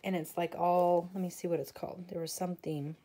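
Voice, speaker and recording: A woman's voice: lowish voice, flat delivery, a little fast, warm tone. A woman showing off her craft supply haul in a casual video, gushing over each item and saying she is tired. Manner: gushing, breathless exclamations. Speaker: craft vlogger.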